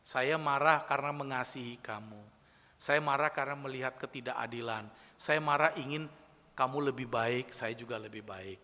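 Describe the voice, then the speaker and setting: A man's voice: medium pitch, normal speed, pushed and bright, big-room sound. A man preaching a playful youth sermon who keeps asking the audience questions. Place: church, live-streamed service.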